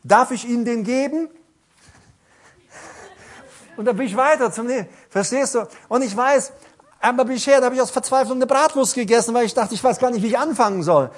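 A middle-aged man preaching a sermon, telling personal stories in an animated way with some stammering. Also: very high-pitched, fast.

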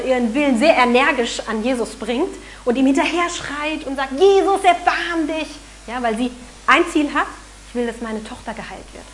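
An earnest woman preaches a sermon with a fairly high voice. She talks in an animated way and sometimes acts out the people she quotes. Faint noise hums underneath the recording. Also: poor audio.

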